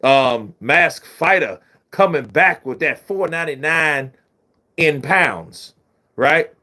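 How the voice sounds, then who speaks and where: A male livestream host with a fairly high, very lively voice that rises and falls a lot. He talks unhurriedly in a casual chat style, greeting and thanking viewers one by one. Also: slow pace. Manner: thanks viewers by name, hypes up loudly.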